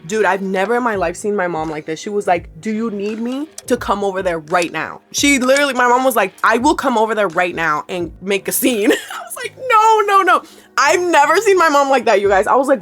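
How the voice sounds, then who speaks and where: Young woman vlogger, casual storytime chat, animated delivery with lots of swearing and laughter, faint music under it. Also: a little high. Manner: animated, swearing, laughing often, quotes people in voices.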